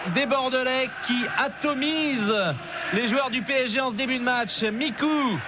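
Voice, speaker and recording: A man giving excited live football commentary in animated, exclamatory, clipped phrases. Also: extremely high pitch, unhurried. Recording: loud stadium crowd noise behind commentary. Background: roaring football crowd.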